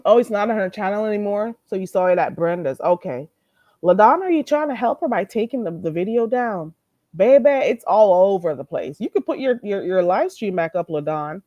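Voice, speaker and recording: In a medium-pitched, warm voice, a livestream host with a stuffy nose shares blunt, profane gossip and interrupts herself to greet and thank viewers. The recording is dry and muffled.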